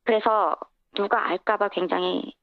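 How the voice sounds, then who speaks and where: Disguised, creaky woman on a phone line. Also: mid-range voice, steady tone, measured pace, crowd noise. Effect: voice disguised by processing for anonymity. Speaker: anonymous interview guest. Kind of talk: radio phone interview testimony. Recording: tinny, narrow-band radio phone line.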